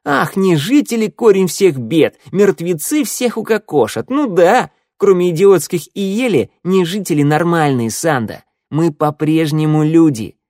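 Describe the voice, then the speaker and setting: A man voicing a shrill, scornful young woman. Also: lively intonation, a little slow, few pauses, a little mellow, no room sound, clean studio sound. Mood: indignant.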